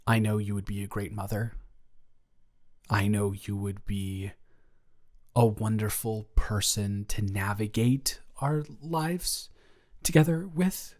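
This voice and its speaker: Speaking slowly in a lowish, somewhat dark voice, this man takes the role of a lovestruck youth nervously confessing his feelings to his best friend. The improvised romantic roleplay is full of stammering and rambling, and it feels tender and earnest.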